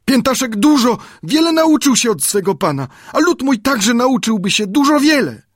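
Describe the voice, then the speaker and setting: A man's voice: very high-pitched, very animated, normal speed, slightly rough, no room sound, clean studio sound, voice pushed up, full character voice. A man voicing an earnest, devoted young islander man who speaks in broken, pleading phrases in an audiobook. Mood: eager. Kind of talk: audiobook character voice.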